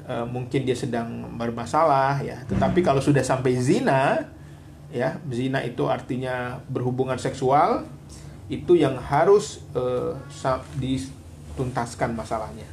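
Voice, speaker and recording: A man's voice: medium pitch, measured pace, gravelly, slight background noise. A man, a psychologist co-hosting a live Q&A on marriage problems, talking earnestly and animatedly. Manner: earnest, animated, acts out quoted wives and husbands. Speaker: psychologist and co-host.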